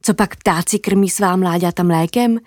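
A woman voicing a clever, eager little girl in a children's story, speaking in a bright, eager way. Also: lowish voice, no room sound, clean studio sound, lightly acted.

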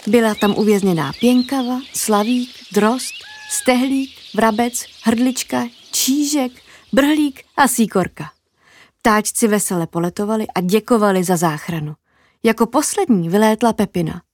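A woman narrating a children's fairy tale in an expressive, lively storytelling manner with dramatic pauses. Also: mid-range voice, dry recording.

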